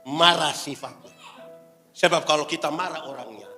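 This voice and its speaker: A man with a high, piercing, very bright voice delivers a sermon as a pastor. He swings from loud calls at the congregation to hushed asides. The sound carries a long hall reverb with faint music underneath. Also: moderate pace. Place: church hall.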